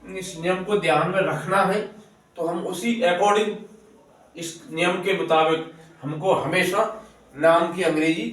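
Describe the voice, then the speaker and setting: A man explains a spelling rule to children, going over each point again. His voice sits a little high and moves slowly. The sound is distant and very echoey, as if recorded from across a bare room. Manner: slow, patient, repeats explanations. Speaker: teacher.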